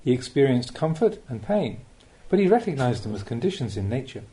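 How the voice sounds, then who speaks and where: A man, a Buddhist monk, reading a scripted spiritual teaching as an audiobook, with measured, deliberate phrasing and rhetorical questions. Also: mid-range voice, sing-song, dark tone, poor audio.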